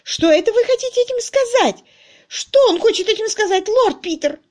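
A woman voicing a fussy, panicky spinster who squeals in a very high voice. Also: animated, moderate pace. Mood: shrieking.

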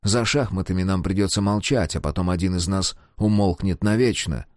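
A man voicing a composed, calculating young male officer who speaks in a formal, measured way. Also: deep voice, darkish tone, no echo, clean studio sound, lightly acted. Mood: calm.

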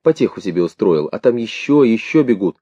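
Dark-voiced man reading a story. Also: on the low side, no room sound. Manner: measured, expressive storytelling in short phrases. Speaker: audiobook narrator. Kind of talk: literary audiobook reading. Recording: dull lo-fi dry recording.

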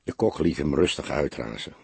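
Male audiobook narrator, husky, lively pitch, dry close sound. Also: normal speed, no echo. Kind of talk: scripted narration of a detective novel.

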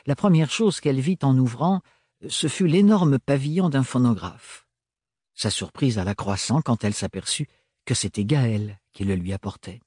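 Husky male audiobook narrator. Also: mid-range voice, a little mellow, dry recording, clean studio sound. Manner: measured, literary reading. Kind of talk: scripted narration.

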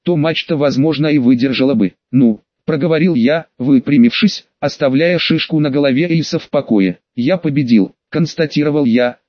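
A man's voice: a little high, brisk, hardly any pauses, dry recording. A man narrating an audiobook in the first person, in a casual, ironic storytelling manner. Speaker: audiobook reader. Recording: dull, dry lo-fi recording.

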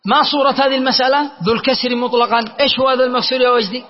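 High-voiced man teaching grammar, lo-fi. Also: steady tone, slight background noise. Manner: questioning students often; repeats word forms slowly to drill. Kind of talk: classroom grammar lesson. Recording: muffled lo-fi lecture recording.

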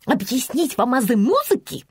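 A woman voicing a shrill, quarrelsome middle-aged woman who hisses her insults. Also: very animated, moderate pace, slightly rough, dry recording, clean studio sound, exaggerated voice. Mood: scornful. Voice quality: shrill, hissing.

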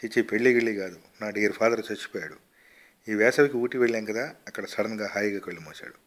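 Man reading a rich young man, boastful, breezy, offhand, low voice, storybook. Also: fast, close to an everyday voice. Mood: flippant.

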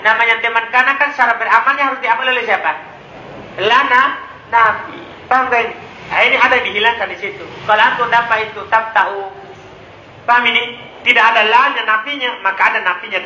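A man teaching Arabic grammar in a classroom lecture, often stopping to quiz his students with quick questions. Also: very high voice, bright, forceful tone, slight background noise. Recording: echoey classroom recording.

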